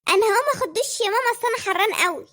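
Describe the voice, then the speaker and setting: A woman's voice: extremely high pitch, racing, sharp tone. A woman voicing a cheeky, boastful young boy in an Egyptian cartoon, with an Egyptian Arabic accent. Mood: eager telling. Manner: boastful, chatty. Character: cheeky clever young boy, mother's son.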